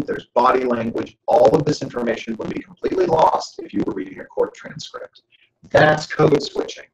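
A man giving a joking, animated lecture to an audience as a guest speaker. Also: on the high side, vocal fry, roomy sound, poor audio. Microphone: camera.

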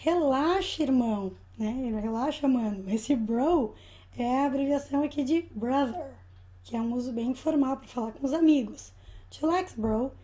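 Patient Brazilian woman teacher, high voice. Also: mellow. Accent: Brazilian Portuguese. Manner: slow, patient, repeats words to model pronunciation. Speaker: English teacher. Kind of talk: explaining slang in a video lesson.

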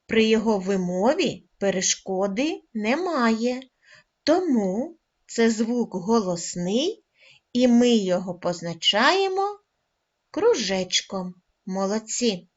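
A woman teaches first graders, pacing her words very slowly and drawing out each sound so small children can follow. Her voice sits a little high. The recording is dull and lo-fi. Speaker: primary school teacher. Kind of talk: slow, clear lesson for first graders.

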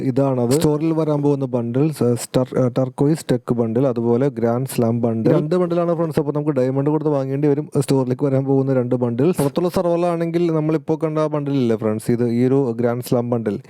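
A man's voice: medium pitch, dark tone, clean tone, no room sound. A man giving casual gaming update commentary as a YouTuber, chatty and often addressing his viewers as friends and guys.

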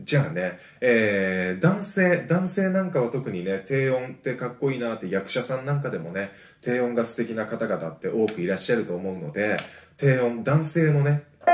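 A man teaching a voice lesson. He gives friendly, encouraging explanations and breaks them up with sustained low sung vowels. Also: darkish tone. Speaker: voice trainer. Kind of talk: vocal lesson. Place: home. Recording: roomy echo.

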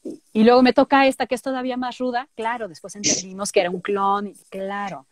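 A woman with a Mexican accent, a voice actress telling stories in a lively way in an interview. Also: on the high side, brisk, dry recording. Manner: lively, acts out quotes. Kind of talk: casual interview storytelling.

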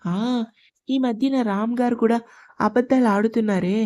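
A tearful, proud young woman, read out by a woman storyteller, pleading one moment and snapping back the next. The reader's voice sits slightly high and plain, barely changed for the character. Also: warm tone, natural voice. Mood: sulky. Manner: tearful, pleading, quick to flare up.

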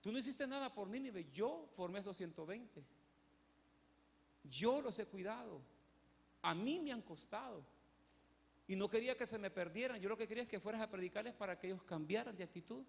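A man's voice: sits high, brisk, creaky. A man preaching in a church, speaking as God, who patiently questions and reasons with a sulking prophet. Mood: reasoning. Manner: calm, probing questions, reasoning. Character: patient questioning God, calm fatherly male. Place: church hall. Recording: echoey church hall.

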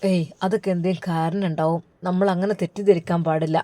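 A woman voicing a calm, matter-of-fact middle-aged father with a Malabar Malayalam accent. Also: fairly low pitch, fast talker, no echo, voice pushed down, close to an everyday voice. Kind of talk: storybook narration.

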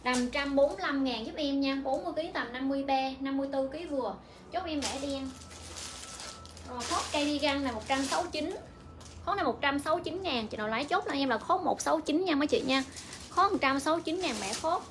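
A young woman with a Vietnamese accent sells clothes on a livestream from a shop, her high, bright voice repeating each price over and over in rapid-fire patter. Clear shop noise runs underneath.

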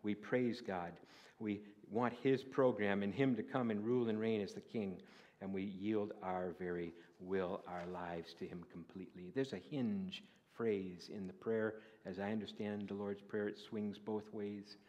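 A male guest preacher giving a sermon in a church, asking the congregation questions and rising to loud, high declaiming when he quotes scripture. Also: steady tone, unhurried. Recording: dull lo-fi recording.

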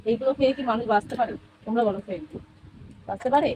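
A woman's voice: fairly high pitch, racing, noisy background. A woman hosting a casual family vlog, coaxing a small child in a sing-song way. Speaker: family vlogger.

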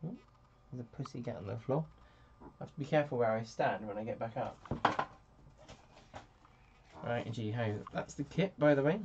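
A man's voice: medium pitch, normal speed, pauses often, noisy background. A man hosting a casual live stream, chatty and self-mocking as he answers viewers. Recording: dull lo-fi sound.

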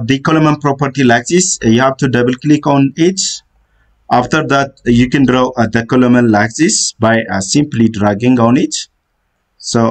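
The narration for this screen-recorded software tutorial comes from a man at medium pitch. He gives step-by-step directions haltingly, filling pauses with many "uh"s.

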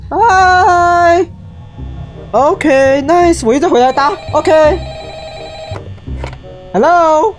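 A young woman, her high voice jumping into shrieks and English exclamations as she plays. Her let's play commentary runs over loud background music. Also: extremely slow, pauses often. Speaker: gaming YouTuber.

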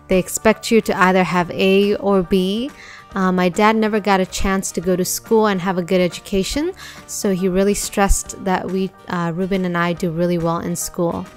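A woman's voice: medium pitch, smooth. A young woman from Nepal telling her life story in a casual voice-over, chatty and full of ums and uhs. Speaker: YouTuber. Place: voice-over over whiteboard drawing.

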